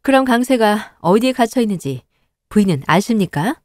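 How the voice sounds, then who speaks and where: A woman voicing a polite, calm fox woman with a courteous manner. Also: medium pitch, moderate pace, no echo, studio quality, close to an everyday voice. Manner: courteous, soothing.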